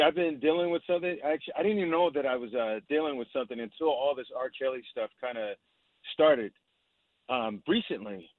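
A man in his fifties calling in by speakerphone from his car, speaking haltingly and hesitantly and often repeating himself. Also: mid-range voice, dry recording. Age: 50s. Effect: phone call from a car on speakerphone. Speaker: caller. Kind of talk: call-in confession. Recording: tinny dry phone line.

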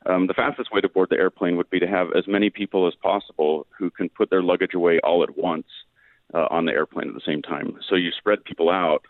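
A low-voiced man comes through a thin, tinny phone line that fades in and out. He is a professor explaining things to a radio host. He speaks patiently, with plenty of "um"s. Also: fairly even intonation, fast talker, no echo. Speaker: guest physics professor.

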